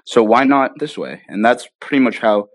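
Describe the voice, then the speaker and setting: In an animated medium-pitched voice at normal speed, a man being interviewed as an app founder talks keenly about his work. He punctuates his conversational explanations with "right?" and "you know", recorded dry.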